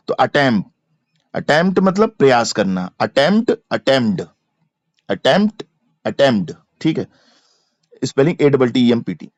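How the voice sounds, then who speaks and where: A man's voice: medium pitch, no room sound. Male teacher drilling English verb forms. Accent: Hindi. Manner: spells words letter by letter and repeats each form. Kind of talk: exam-prep classroom lecture. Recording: dry, slightly dull lo-fi mic.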